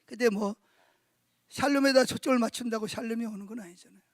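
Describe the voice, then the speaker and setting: High-voiced male pastor preaching. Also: quick pace, no echo, clean studio sound. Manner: animated storytelling with frequent rhetorical questions to the congregation. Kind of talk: sermon at a church conference.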